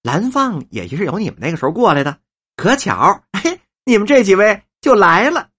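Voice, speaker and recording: A man voicing a fussy, flattering old woman in a storybook reading, with a husky voice. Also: normal speed, full character voice. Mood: gushing. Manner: shrill, gushing and flattering.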